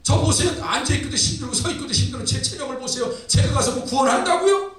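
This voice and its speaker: A man's voice: very high-pitched, fast talker, soft background music, voice pushed up. A pastor playing an anguished, protesting young man. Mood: incredulous protest. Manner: pleading, indignant, shouting protests. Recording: echoey hall from far off.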